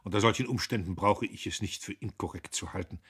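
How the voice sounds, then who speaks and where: Man doing a puffed up blustering young guy, deep and husky. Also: fast talker, fairly bright tone, exaggerated voice. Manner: self-righteous, blustering. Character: pompous, cowardly young businessman. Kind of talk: audiobook character voice.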